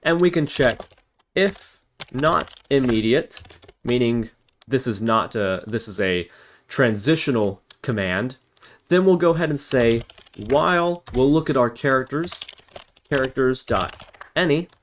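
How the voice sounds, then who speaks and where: In a casual programming tutorial, a man walks through each step with an animated, mid-range voice at a measured pace, musing aloud while typing and fixing his own slips. Keyboard typing, clicks, and general background noise fill the noisy recording.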